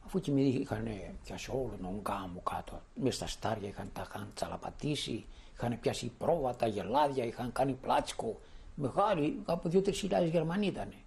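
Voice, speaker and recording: An older man from Thessaloniki, Greece, gives spoken testimony, recounting his memories in a mid-range voice that is expressive, creaky and darkish. He tells them vividly, acting out the voices of the people he quotes.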